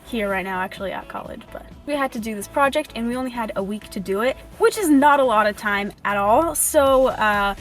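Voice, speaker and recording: Young female vlogger, higher voice, chatty and confiding, close car-mounted camera, faint music bed. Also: fairly quick, few pauses. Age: young adult. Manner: chatty and confiding, drops to a whisper when nervous. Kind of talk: casual storytime vlog. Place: parked car.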